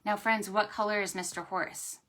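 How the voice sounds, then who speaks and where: Livestreaming from home or indoors, a woman runs a preschool storytime, reading aloud and chatting to young children in an expressive, sing-song way. She speaks at normal speed in a mid-range voice.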